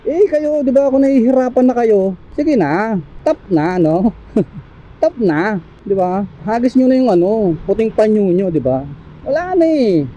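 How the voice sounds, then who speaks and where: A man's voice: sits high, sing-song, measured pace, mellow, lo-fi sound. A man from the Philippines, a delivery rider vlogging casually to his viewers while out on the streets, laughing often, apologizing with a joke, and tagging his sentences with little questions. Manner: chatty, laughs often, keeps adding tag questions; apologetic, joking asides.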